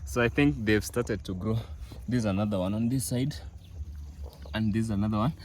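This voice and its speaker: A young man from East Africa vlogs a casual walk-through of his family farm outdoors, his low, darkish voice going a little fast. He talks to viewers with frequent fillers and restarts, and a little hiss or hum can be heard.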